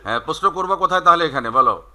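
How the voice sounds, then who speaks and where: A man with a Bangladeshi accent, a native Bengali speaker, teaching an online English class over a video call. He explains slowly, mixes English into his talk, and hesitates often. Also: on the high side, expressive, crowd noise.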